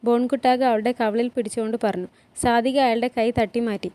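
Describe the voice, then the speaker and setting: A woman tells a TV drama as a long story and voices every character herself, her voice rising when someone cries out or pleads. Her voice sits a little high but has a soft, mellow tone. It is recorded close and dry, with no room sound. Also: steady tone, fairly quick, no echo. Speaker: storyteller retelling a TV series. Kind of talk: storytelling narration with voiced dialogue.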